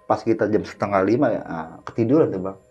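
A man's voice: on the low side, animated, quick pace, dark tone, breathy edge. A man casually tells a dramatic personal story to a host, constantly calling him "Bang". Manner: keeps addressing the host as "Bang", vivid and dramatic. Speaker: guest telling a personal story. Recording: dull lo-fi sound with faint background music.

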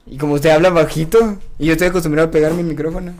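A young Mexican man hosts a casual, crude live podcast, talking very fast right up on the mic and joking and laughing often. His voice is on the high side, steady and a little mellow, with a Mexican Spanish accent, in the style of a relaxed live-stream chat.

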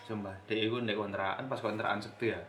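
A man's voice: fairly low pitch, level tone, quick pace, over loud music. A young man from Lampung, casually telling a story as a guest, swearing often and laughing through it. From Lampung, Indonesia. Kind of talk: casual chat. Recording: roomy echo.

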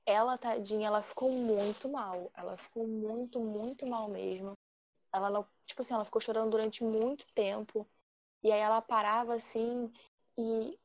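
A woman from Rio de Janeiro, telling a personal story in a lively, animated way and acting out the quotes. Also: a little high, dull audio. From Rio de Janeiro, Brazil. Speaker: guest storyteller.

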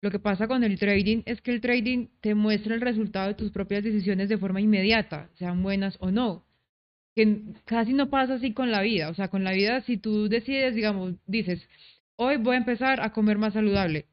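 A woman's voice: mid-range voice, moderate pace, highs cut off. A woman, a trader talking over her experiences in a casual chat. She is reflective and explains her points with everyday examples. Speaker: trader guest.

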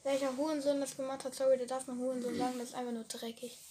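A teenage girl chatting playfully in slang with a friend on camera, given to bursts of loud squealing. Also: sits high, flat delivery, rapid-fire, slight background noise. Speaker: vlogger. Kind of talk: casual chat.

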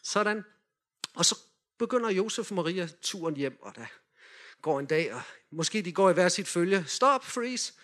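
A man in a lively sermon, retelling a Bible story and directing volunteers as they act it out. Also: sits high. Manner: animated, directs volunteers with quick cues.

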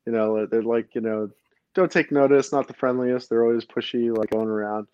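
A Brooklyn-born man hosts a podcast, chatting casually and rambling through fillers and restarts. His voice sits at an ordinary pitch for a man. The sound is muffled and lo-fi, with a dry, close feel. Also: fairly even intonation, normal speed, smooth, no echo. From Brooklyn, New York. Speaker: podcast host. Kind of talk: casual chat.

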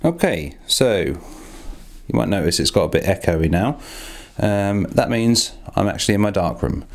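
Working hands-on in a small echoey darkroom, a man hosting a podcast talks through the job in a rambling, self-deprecating style, with casual swearing along the way. He sounds animated, with a deep, creaky voice at normal speed.

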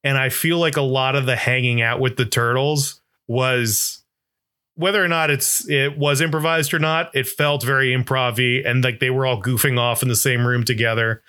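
A man's voice: medium pitch, steady tone, moderate pace, pushed and bright. A man co-hosting a podcast, chatting casually and enthusiastically, rambling a little with restarts. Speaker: podcast co-host. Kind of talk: casual chat.

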